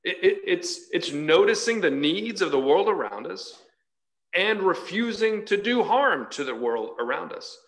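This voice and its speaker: Indoors in a large church hall, a preacher in his forties leads a Bible study with an emphatic sermon, reading scripture and explaining it while repeating phrases for stress. His voice sits high, a bit bright and animated, at a measured pace.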